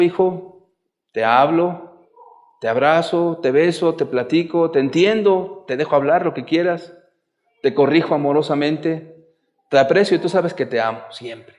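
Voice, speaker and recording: Male family speaker, a bit high-pitched, chatty public talk, long echo of a large hall. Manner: conversational, asks the audience questions, lively examples.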